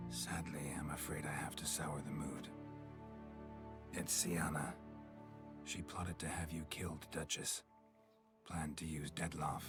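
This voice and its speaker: An actor voicing a stoic middle-aged monster hunter in a video game, gravelly and hushed, with terse, understated delivery. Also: male voice, extremely low pitch, exaggerated voice.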